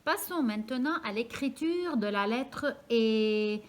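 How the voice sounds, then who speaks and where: A woman teaching young children a lesson, speaking slowly and clearly and repeating each word so they can follow. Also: on the high side, lively intonation. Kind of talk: slow, careful classroom lesson for young children.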